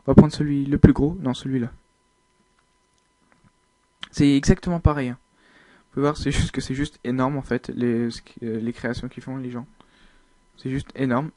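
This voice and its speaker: A man's voice: mid-range voice, fairly even intonation, moderate pace, long pauses, dark tone, dry recording. A man giving casual, hesitant gameplay commentary, thinking aloud with many fillers. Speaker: video game uploader.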